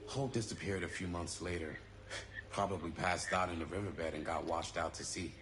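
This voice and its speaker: A man's voice: deep voice, fairly even intonation, normal speed, fairly bright tone, a little hiss or hum. An actor playing a dry, skeptical young man investigating in a video game, in a naturalistic style. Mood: wry.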